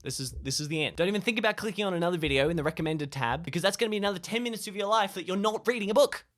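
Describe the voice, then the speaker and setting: This man has a high, fairly bright voice and talks very fast and expressively. He gives chatty, casual tips to the camera like a vlogger, jokey and ready to poke fun at himself.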